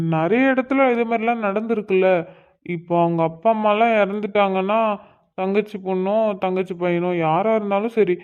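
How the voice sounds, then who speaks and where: A man's voice: high-pitched, clean tone, natural voice. A man voicing a curious young man in a cartoon, asking question after question. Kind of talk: Tamil cartoon voice acting. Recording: dull lo-fi audio.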